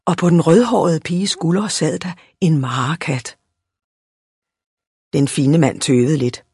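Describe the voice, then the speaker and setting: A storybook narrator with a husky, slightly breathy voice that reads with lively expression. The pitch sits in a middle range. The recording is close and dry. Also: no echo. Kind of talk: storybook reading.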